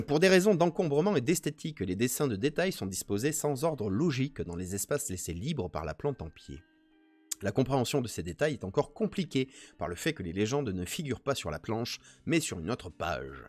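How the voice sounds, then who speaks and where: A man's voice: mid-range voice, very animated, normal speed, dry recording, soft background music. A French man streaming, reading a botany text aloud and chatting with viewers, joking between passages. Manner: reads text aloud then jokes and chats with viewers. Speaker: Twitch streamer doing a nature press review. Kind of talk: casual live-stream reading and commentary.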